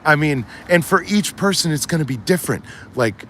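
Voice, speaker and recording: A man chatting casually outdoors on a city street at dusk, talking in animated, rambling bursts full of restarts. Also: on the high side, a little fast, slight background noise. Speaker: livestreamer. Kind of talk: casual chat. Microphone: phone camera.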